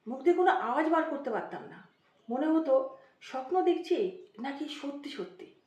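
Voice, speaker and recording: A woman's voice: high voice, very animated, moderate pace, darkish tone, distant mic. Emotive woman telling a motivational story. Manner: emotive, dramatic delivery with sudden rises and drops. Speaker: motivational speaker. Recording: echoey room.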